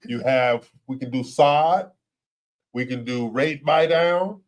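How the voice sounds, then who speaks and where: A man's voice: medium pitch, slow. A man hosting a casual real estate show, asking about price and incentives in an easygoing, joking way. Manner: easygoing, asks questions, jokes. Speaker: show host. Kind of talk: casual interview.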